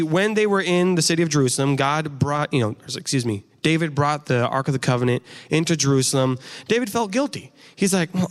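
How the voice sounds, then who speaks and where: A male pastor delivers a casual sermon, pitched slightly high for a man. He jokes with the congregation and acts out the people he quotes. His voice rings with a long hall reverb.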